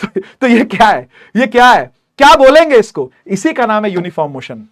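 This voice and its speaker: High-voiced energetic young male teacher. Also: normal speed. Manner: energetic, repetitive, questions students directly. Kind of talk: online lecture.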